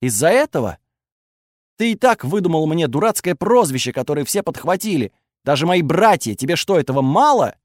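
A man voicing an angry, defensive young woman with strange powers, who accuses and shouts sharply. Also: fairly high pitch, animated, moderate pace, dry recording, studio quality, natural voice. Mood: furious, accusing.

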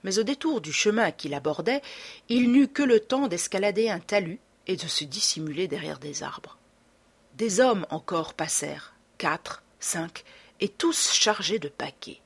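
A woman reading a classic French adventure novel aloud in a measured, dramatic narration. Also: lowish voice, expressive, husky. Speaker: audiobook narrator. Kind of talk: scripted narration.

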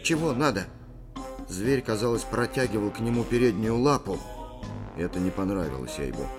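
A man reading an audiobook aloud in an expressive storytelling manner. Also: lowish voice, fairly quick, music in the background. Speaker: audiobook narrator. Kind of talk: scripted audiobook narration.

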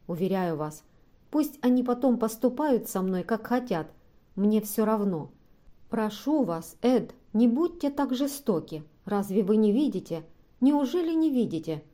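A desperate young woman pleading in a tearful, imploring voice, as a female narrator reads her in an audiobook. The sound is mellow and warm, not bright. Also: mid-range voice, natural voice. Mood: begging. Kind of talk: audiobook reading.

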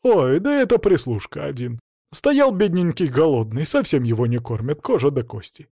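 A man's voice: very animated, normal speed, dark tone, slightly rough, no room sound, studio quality, heavily acted. A man voicing a panicky, squealing middle-aged woman held captive, who shrieks and chatters. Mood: chatty. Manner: shrill, squealing, tearful, chattering.

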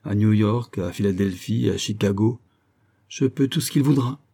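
A man's voice: lowish voice, normal speed, gravelly, warm tone. A man reading the part of a firm, self-assured young colonel in an audiobook, speaking earnestly and persuasively.

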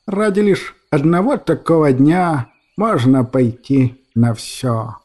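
A man's voice: on the high side, takes it slowly. A man doing a tearful, tender old woman. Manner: soft, tearful, fond. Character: old woman, emotional, gruff yet tender.

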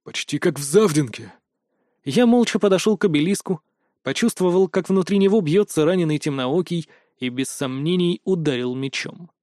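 A male audiobook narrator telling a first-person fantasy tale with steady, dramatic delivery. His voice sits a little high for a man and is recorded dry and close. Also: normal speed, no echo.

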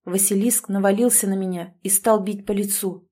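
A woman narrating a story aloud in an even, measured reading. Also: medium pitch. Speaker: audiobook narrator.

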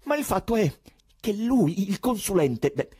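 Male reader doing a high, frantic young poet; husky, wildly swinging pitch. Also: big pitch swings, unhurried, mellow, no echo, studio quality, exaggerated voice. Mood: frantic insistence. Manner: shrill, frantic, stammering outbursts.

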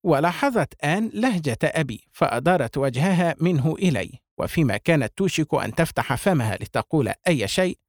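A man reading a novel aloud as a narrator, with expressive delivery. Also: a little high, brisk, hardly any pauses, no room sound, studio quality. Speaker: audiobook reader.

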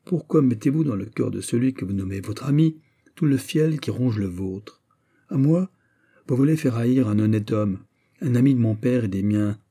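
A man's voice: medium pitch, warm tone, natural voice. A man voicing a dignified young nobleman who answers insults coldly and sternly. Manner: cold, measured, stern.

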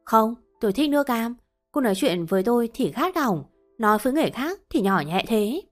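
A woman reading a curt, gruff young husband. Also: fairly high pitch, sing-song, fairly quick, faint music behind.

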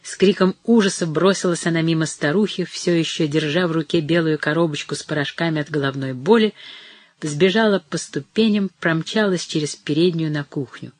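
An audiobook narrator giving steady, measured scripted reading of a novel. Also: medium pitch, dry recording.

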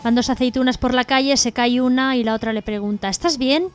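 A woman's voice: a little high, fast, loud music behind the voice. Joke-telling woman radio host. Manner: lively joke-telling, voices the characters.

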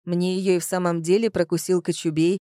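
A woman's voice: on the low side, flat delivery, a little fast, dark tone, no room sound, studio quality, lightly acted. A woman reading the part of an easygoing, carefree young man in an audiobook. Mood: offhand. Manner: easygoing, offhand. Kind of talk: audiobook character voice.

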